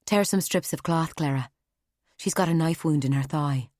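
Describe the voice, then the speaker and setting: A woman's voice: low-pitched, moderate pace, a little mellow, no echo, studio quality. A woman doing a fierce, stubborn young novice. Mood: urgent. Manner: insistent, determined. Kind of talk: audiobook character voice.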